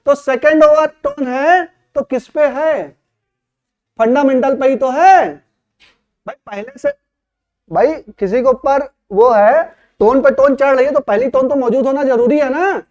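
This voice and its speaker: Man, physics lecture, very high voice, dull lo-fi sound. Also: measured pace, a little mellow. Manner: asks and answers his own questions. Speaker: physics teacher.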